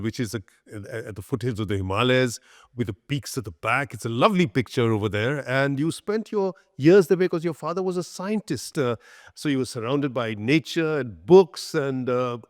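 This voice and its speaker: An older man hosting a conversational interview in a halting, deliberate way. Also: mid-range voice. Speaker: podcast host, interviewer.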